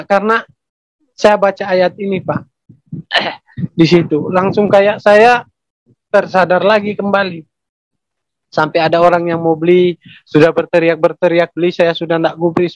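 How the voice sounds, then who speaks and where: Fields: Sex: man. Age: middle-aged. Role: testimony. Pitch: high. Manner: earnest, halting. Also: dry recording, rough recording. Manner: earnest, halting, ends nearly every phrase with a polite "sir". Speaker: interviewee giving a conversion testimony. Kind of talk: emotional personal testimony.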